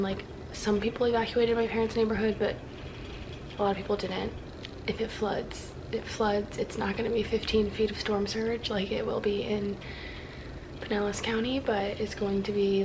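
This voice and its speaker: A woman's voice: mid-range voice, noisy background. A woman chatting casually to camera in a hesitant, rambling way with lots of filler. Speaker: vlogger.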